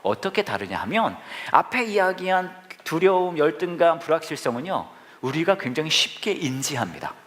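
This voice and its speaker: A man's voice: a little high, sing-song, normal speed, few pauses, a bit bright. A male pastor preaching a sermon to a live congregation, telling jokey, self-deprecating stories. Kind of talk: humorous storytelling sermon. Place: church service with live congregation.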